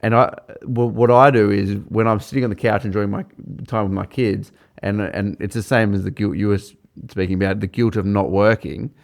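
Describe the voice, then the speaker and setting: A male podcast host with a low voice that turns gravelly at the edges of his phrases. He thinks aloud in a reflective, halting way, circling back and restarting as he talks. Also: steady tone. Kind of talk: casual podcast conversation.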